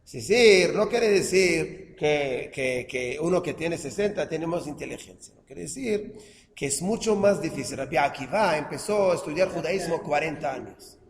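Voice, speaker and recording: A male teacher giving a class on scripture. He reads verses slowly and then explains them, asking himself what they mean. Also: fairly high pitch, animated, long reverb tail.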